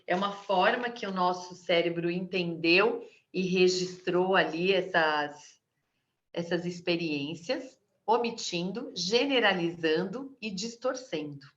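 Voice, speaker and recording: A woman's voice: on the low side, takes it slowly. A middle-aged Brazilian woman coaching on sales, talking conversationally and often asking her audience questions. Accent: Brazilian Portuguese. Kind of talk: live coaching talk to an audience. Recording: slightly dull lo-fi audio.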